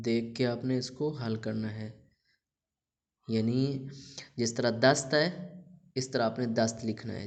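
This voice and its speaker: A man teaching a recorded language lesson, reading vocabulary words aloud with stress and then explaining what each one means. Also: medium pitch.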